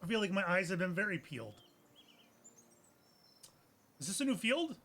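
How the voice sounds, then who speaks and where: High, animated man musing through gameplay. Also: normal speed. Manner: musing, hesitant, self-correcting. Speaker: gameplay streamer. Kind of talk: let's play commentary.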